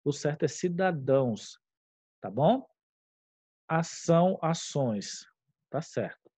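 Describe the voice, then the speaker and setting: A man's voice: on the high side, expressive, slow pace, a little mellow, slightly rough, no echo. A man with a Brazilian Portuguese accent, a teacher walking through a grammar exercise and checking in with his class as he goes. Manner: explanatory, checks in with "tá?" and "tudo bem?". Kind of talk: grammar lesson walkthrough. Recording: dull lo-fi recording.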